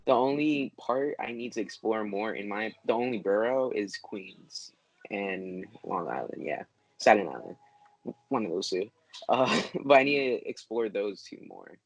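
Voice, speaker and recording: A young man talks eagerly about his city over a video call, repeating phrases and acting out what people say. His voice is fairly low and sounds close and dry. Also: creaky, no echo, poor audio. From New York City. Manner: eager, repetitive, quoting others. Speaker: mentee. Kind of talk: casual video-call conversation.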